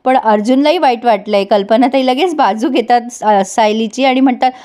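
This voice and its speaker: A woman's voice: fairly high pitch, warm tone. A woman giving a casual, chatty episode recap, talking straight to her viewers. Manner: chatty, addresses viewers, quick laughs. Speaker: serial recap host.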